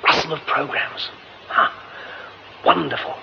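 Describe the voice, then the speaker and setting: A man's voice: on the high side, unhurried, creaky. Jumpy young theatre man. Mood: musing. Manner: mutters to himself, stammers when flustered. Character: young male theatre man, nervy, quick to panic. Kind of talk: radio drama acting. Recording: dull lo-fi radio recording with hiss.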